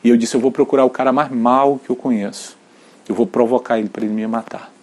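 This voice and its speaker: Husky Brazilian male pastor, earnest sermon delivery, whisper-soft to loudly emphatic. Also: medium pitch, fairly even intonation, quick pace. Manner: earnest testimony, drops to near whispers, climbs to loud emphatic peaks.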